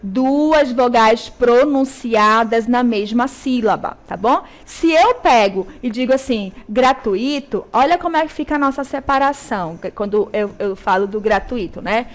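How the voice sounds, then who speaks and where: High-voiced Brazilian woman teaching grammar. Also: lively intonation. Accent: Brazilian Portuguese. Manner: didactic, checks in with "tá?" and "certo?"; spells out syllables slowly and stresses sounds. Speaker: Portuguese language teacher. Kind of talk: televised school lesson.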